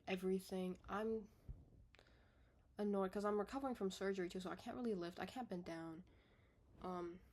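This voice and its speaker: A young woman vlogging from her bedroom, a little out of breath, her voice sitting at an ordinary middle pitch for a woman. She rambles loosely and swears in passing. She keeps correcting herself and lets her sentences fade out quietly. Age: young adult. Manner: rambling, self-correcting, swears casually, trails off softly. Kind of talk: casual unedited video diary.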